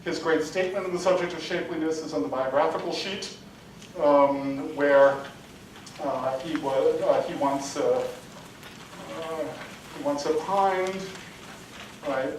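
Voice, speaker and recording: A man's voice: steady tone, unhurried, pauses often. A man giving an adult-education lecture, rambling and full of "sort of, you know" fillers. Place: lecture hall. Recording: distant mic in a very echoey room with faint rumble.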